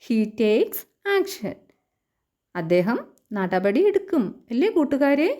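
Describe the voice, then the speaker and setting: Woman, Malayali accent, children's lesson, lively high voice, slow and mellow. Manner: sing-song storybook reading, slow English lines. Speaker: teacher.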